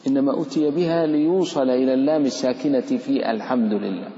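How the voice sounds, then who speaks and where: A sheikh teaching the rules of Quran recitation talks fast in a warm, mid-range male voice. He explains things conversationally to his students, quizzes them, and gives the letters voices of their own. The recording is dull and reverberant, as if made in a hall.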